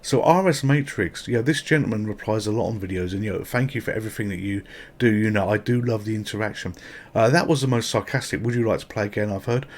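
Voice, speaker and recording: A man's voice: fairly low pitch, fast. A man hosting a retro gaming channel, chatting casually and swearing now and then, with a sore mouth. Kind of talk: casual gameplay commentary.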